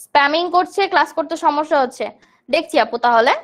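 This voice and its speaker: A young woman from Bangladesh leads a live online English grammar class. Her voice sits high and clear. She explains each term patiently and answers students' comments as they come in. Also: fast. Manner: explains terms in Bengali, reads student comments aloud.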